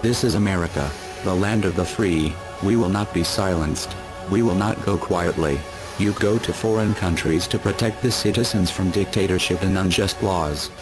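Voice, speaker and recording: A man speaking through a disguised deep voice, delivering a solemn scripted statement as a masked group's spokesman. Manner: solemn, measured, declarative. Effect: disguised deep voice, pitch-lowered. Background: music.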